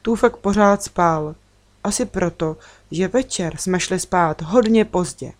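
A woman reading a children's book aloud in a calm, measured storytelling voice. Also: on the low side. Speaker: narrator.

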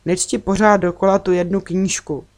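A woman's voice: medium pitch, little pitch movement, darkish tone, lightly acted. Woman doing a teasing storybook dad, wry, mildly scolding.

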